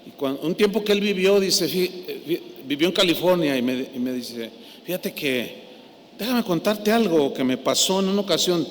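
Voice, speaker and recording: A man preaching a sermon and telling a story, with an animated delivery that swings from hushed to loud. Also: on the high side, moderate pace. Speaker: pastor. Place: large church hall. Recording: echoey hall, faint noise.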